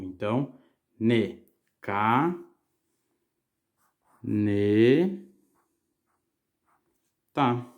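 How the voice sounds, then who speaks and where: A man teacher with a Brazilian Portuguese accent, walking children through exercises and often checking that they follow. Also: mid-range voice. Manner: patient, explaining, checking in with "certo?". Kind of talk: literacy lesson to children.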